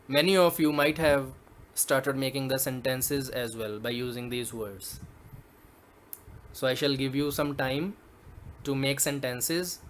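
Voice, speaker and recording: A male teacher from Punjab in India, explaining a poem to students in a slow, deliberate classroom manner. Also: mid-range voice, slight background noise.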